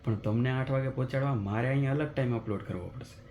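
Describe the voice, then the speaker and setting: A man, telling a story as a vlogger in a chatty, animated way, recorded in his apartment at night. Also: medium pitch, fast. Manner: animated retelling of a mishap, chatty and conversational. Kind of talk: casual vlog storytelling.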